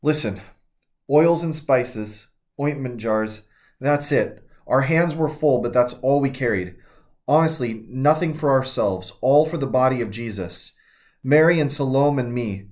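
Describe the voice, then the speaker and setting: In a devotional reading told in character, a man speaks in the first person as a fervent woman disciple, pouring out her trembling grief and awe in an urgent, intimate confession. His voice sits at an ordinary middle pitch, close to everyday speech, animated but a little slow, with a darkish tone. The mood is distraught, the character shaken, grieving and awestruck.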